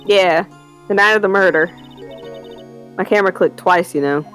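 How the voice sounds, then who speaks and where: A woman's voice: medium pitch, normal speed, fairly bright tone, soft background music, close to an everyday voice. A woman voicing a chatty, folksy woman photographer in an amateur game dub. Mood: folksy, matter-of-fact. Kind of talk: amateur video game dubbing.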